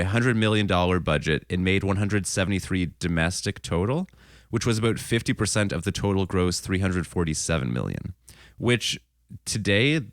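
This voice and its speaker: A man's voice: low-pitched, no echo, studio quality. A Canadian man co-hosting a podcast in a playful, self-mocking casual chat. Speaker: podcast co-host.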